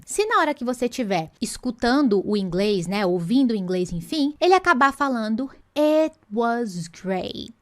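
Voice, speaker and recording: A woman teaches English pronunciation in a relaxed online lesson. Her voice sits slightly high. She explains patiently, then slows down and stretches out the English example phrases word by word.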